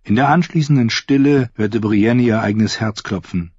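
A man narrates a fantasy audiobook in a steady, measured reading. His voice is somewhat husky. The recording is dull and lo-fi, with a dry, close sound. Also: on the low side, dry recording.

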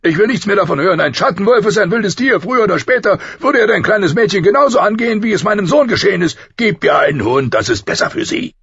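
A man voicing a weary, hot-tempered middle-aged king, speaking loud and raised. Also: high-pitched, expressive, fast talker, creaky, few pauses, slightly rough, no room sound, dull audio, pitched above the performer's own voice, exaggerated voice. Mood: irritated.

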